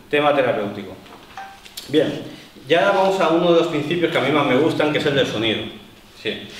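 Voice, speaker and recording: A man teaches a martial arts class, explaining patiently and breaking off mid-phrase to restart. His voice is recorded a distance in a strongly reverberant room. His pitch sits in the middle range. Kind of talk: online seminar lecture. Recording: very echoey room, distant mic.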